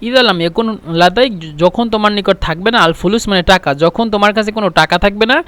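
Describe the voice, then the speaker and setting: A man's voice: high voice, racing, fairly bright tone, clear, resonant tone, dry recording. A man teaching spoken Arabic phrases in a casual lesson, repeating each phrase and explaining it with small hesitations.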